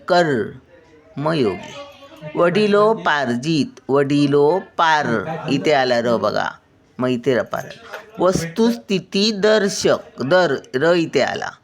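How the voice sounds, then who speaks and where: An older woman, a grandmother figure, patiently teaching children a spelling lesson and breaking words down syllable by syllable. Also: sits low.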